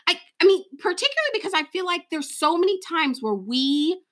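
A young adult woman co-hosting a casual chat about motherhood. She talks in an animated way, laughs often and calls listeners girl and honey. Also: extremely high pitch, fairly quick. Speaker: podcast co-host.

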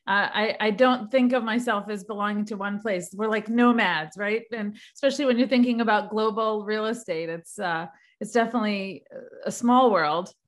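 A woman's voice: mid-range voice, moderate pace. A woman hosting an interview podcast with a mid-range voice. She greets and questions her guest in an effusive, welcoming way. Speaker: podcast host. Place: New York.

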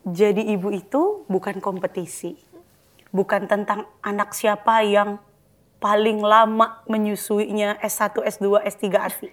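A woman guest on a podcast who explains parenting advice at length in a lively, casual way. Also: medium pitch, unhurried. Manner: explains at length, lively, acts out calm soft-spoken examples.

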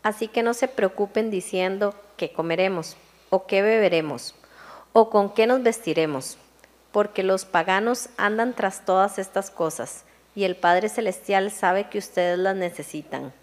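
A woman reads Bible passages aloud during a church service. Her voice sits at a middle pitch. Her reading is steady and measured. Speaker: scripture reader.

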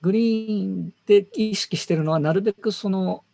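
A man's voice: sits high, moderate pace, gravelly, mellow, no echo. A man who works as a designer, talking casually about his work and thinking aloud with fillers and self-corrections.

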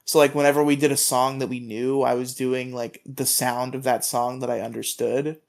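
A man's voice: medium pitch, little pitch movement, moderate pace, gravelly. A man co-hosting a podcast, telling long rambling stories in casual chat and stammering often. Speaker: podcast co-host.

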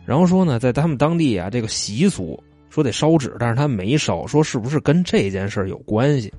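A man's voice: mid-range voice, lively intonation, a little fast, a little mellow, no room sound, soft background music. A man, telling stories in a casual chat, retelling them loosely with asides. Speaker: storyteller.

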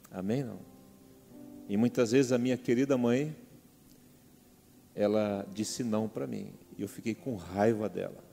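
In a church hall full of long reverb and faint music, a middle-aged pastor delivers a sermon, repeatedly questioning the congregation. He has a Brazilian Portuguese accent and a lowish, creaky, warm voice.

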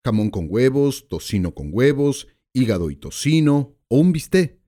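Audiobook: man doing a polite young counterman, slightly raised pitch, mellow. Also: very animated, normal speed, lightly acted. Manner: polite, explaining, listing. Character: patient young male diner counterman. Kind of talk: audiobook character voice.

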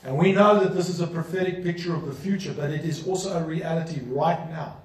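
A man's voice: on the high side, brisk, darkish tone. A man preaching a sermon as pastor, driving his points home with emphatic rhetorical questions. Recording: echoey room, voice from a distance.

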